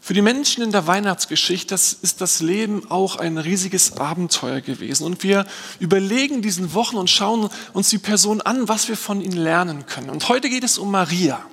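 A male pastor delivers an earnest, reflective sermon in a fairly high voice with a gravelly, husky edge. He asks his listeners question after question. The hall carries his voice with a long reverb. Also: expressive, moderate pace, a bit bright. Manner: earnest, reflective preaching with many rhetorical questions.

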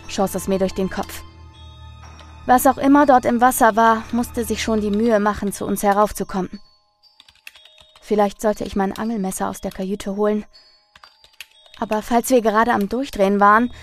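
A woman hosting a podcast, reading a listener's horror story in a measured, dramatic narration. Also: mid-range voice. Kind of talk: scripted narration.

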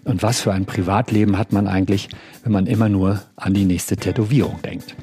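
A man's voice: low voice, fairly even intonation, brisk, warm tone. A man hosting a podcast in a chatty, colloquial way, introducing and interviewing. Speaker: podcast host, freelance journalist.

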